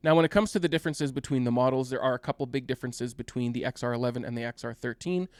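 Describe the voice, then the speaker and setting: A man's voice: mid-range voice, very fast, a little mellow, clean tone, no room sound, studio quality. A young adult man, hosting his own tech review channel in scripted, enthusiastic narration. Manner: enthusiastic, gushing presenter.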